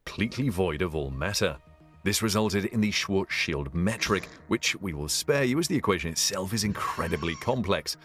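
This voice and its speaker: A man's robotic synthetic voice giving scripted, measured science explainer narration. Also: sits low, animated, fairly bright tone, breathy edge, faint music behind.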